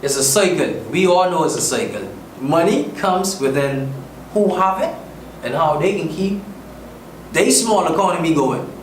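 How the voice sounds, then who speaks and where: A man's voice: a little high, animated, moderate pace. Bahamian man, earnest and emphatic. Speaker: musician guest. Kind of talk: casual interview talk. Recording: echoey room, distant mic, faint noise.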